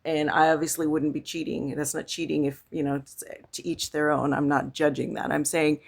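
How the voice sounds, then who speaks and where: A woman talks through her art app in a loose, rambling vlog style, full of ums and side remarks. Her voice is hoarse from the morning, with a rough, gravelly fry running under it. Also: low-pitched. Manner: chatty and rambling, lots of ums and asides. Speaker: digital artist showing her painting app. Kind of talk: casual screen-share demo vlog.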